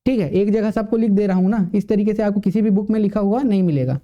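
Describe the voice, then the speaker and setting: A man's voice: high voice, quick pace, lo-fi sound. Man lecturing, quizzing and repeating. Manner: asks the class questions and answers them himself, repeats key words. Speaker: teacher. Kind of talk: classroom lecture.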